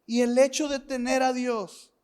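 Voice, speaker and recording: Male pastor, very high voice, earnest and repetitive, mixes personal stories into the sermon. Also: little pitch movement, measured pace, darkish tone, smooth. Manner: earnest, repeats phrases and asks the listener questions.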